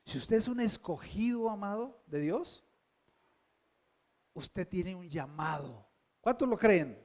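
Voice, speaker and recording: A man's voice: sits high, lively intonation, slow pace, a little mellow. A man preaching a sermon as pastor, emphatic and often putting questions to the congregation.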